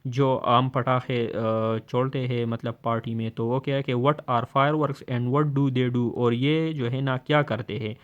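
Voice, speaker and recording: Male teacher, Pakistani accent, walks through a schoolbook lesson, slow English readings, lots of fillers. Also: medium pitch, steady tone, dull audio. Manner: explains in Urdu, reads English lines slowly; many hesitation fillers, counts aloud. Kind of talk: textbook lesson explanation.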